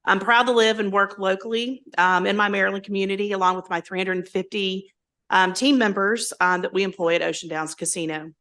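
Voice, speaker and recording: A woman giving prepared testimony as a public witness, hesitant with frequent pauses. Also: mid-range voice, steady tone, a bit bright. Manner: hesitant, many ums.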